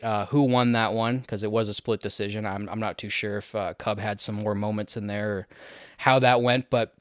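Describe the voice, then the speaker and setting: A young man from Canada giving a casual, chatty breakdown of recent fights, laughing often and filling pauses with "you know" and "uh". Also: on the low side, smooth, no echo, studio quality. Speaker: MMA fight commentator.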